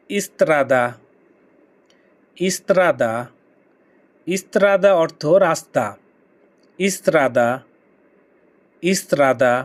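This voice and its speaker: Guy teaching words real slow, says each one over and over, kinda high voice. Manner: repeats each word several times, drawn out. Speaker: language teacher. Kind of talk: slow vocabulary drill lesson.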